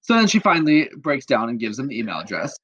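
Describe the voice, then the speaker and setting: A man's voice: mid-range voice, big pitch swings, quick pace, fairly bright tone, breathy edge, no room sound, dull audio. A man teaching a language lesson, narrating a story over slides and acting out the characters. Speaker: Spanish teacher.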